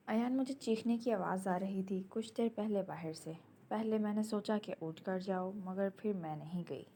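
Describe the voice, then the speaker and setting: A woman reading an audio novel, voicing a shy young newlywed bride who speaks softly and in a hushed way. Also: mid-range voice, a little hiss or hum, lightly acted.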